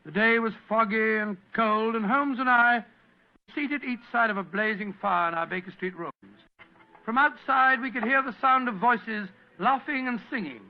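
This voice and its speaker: An actor playing a genial, fussy older English doctor, chatty and avuncular, in 1940s radio drama style. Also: male voice, extremely high pitch, normal speed. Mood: genial, storytelling. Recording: muffled vintage radio broadcast.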